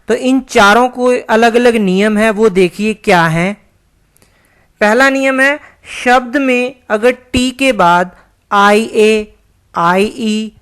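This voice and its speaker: A woman teaches an online English lesson at a very slow, deliberate pace. Her voice sits at an ordinary middle pitch. She explains patiently and spells words out letter by letter. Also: clear, resonant tone.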